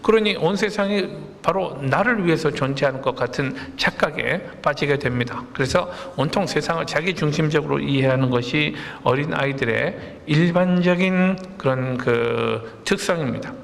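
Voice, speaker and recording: A man's voice: fairly high pitch, normal speed, vocal fry, hardly any pauses, a bit bright. A male pastor preaching a sermon in a conversational way, telling anecdotes and asking the congregation rhetorical questions. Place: church sanctuary. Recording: long reverb of a church hall.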